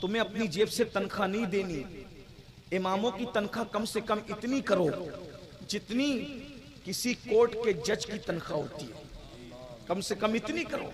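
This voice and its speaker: A male preacher delivering a sermon at a religious gathering, emphatic and exhorting, often rising to shouts. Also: high voice, long pauses, crowd noise.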